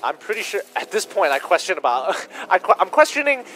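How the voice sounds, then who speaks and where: A man's voice: high-pitched, sing-song, a little fast, fairly bright tone, a little hiss or hum. A man co-casting a mobile esports match, mixing game analysis with teasing banter. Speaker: esports caster. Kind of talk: casual esports commentary.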